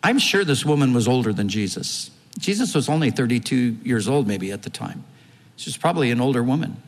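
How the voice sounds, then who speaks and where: A man's voice: mid-range voice, lively intonation, fairly quick, big-room sound. A man preaching a sermon and retelling a story vividly, with strong emphasis.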